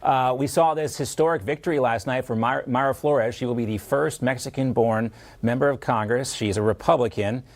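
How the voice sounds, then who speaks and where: A man hosting a TV news segment, brisk and chatty as he moves between guests. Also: mid-range voice. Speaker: news anchor.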